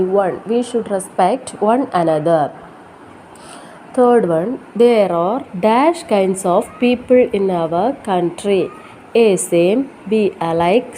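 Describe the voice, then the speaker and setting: A woman teacher giving a recorded lesson to children, explaining slowly, asking questions and answering them, and spelling words out letter by letter. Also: medium pitch, mellow, slight background noise, low-quality recording. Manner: addresses children directly, asks questions and answers them herself. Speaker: school teacher.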